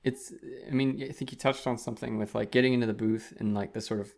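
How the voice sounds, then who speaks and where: Gravelly-voiced male animator. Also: medium pitch, fairly even intonation, quick pace, a crowd in the background. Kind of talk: casual interview talk.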